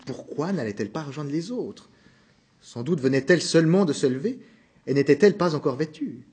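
Husky-voiced man reading a novel. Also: a little high, expressive, fairly quick, darkish tone. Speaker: narrator.

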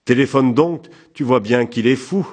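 A man voicing a suspicious, frightened middle-aged farm wife, in a shrill, urgent, alarmed way. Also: expressive, normal speed, darkish tone, slightly rough.

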